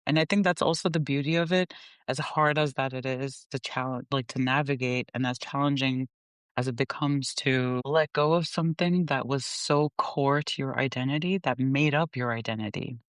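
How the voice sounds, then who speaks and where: A woman guest who grew up in the Gulf, Pakistan and the US, talking candidly and reflectively in an interview, laughing softly between thoughts. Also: a bass voice, clean tone, no room sound. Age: adult. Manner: reflective, unhurried, laughs softly mid-sentence.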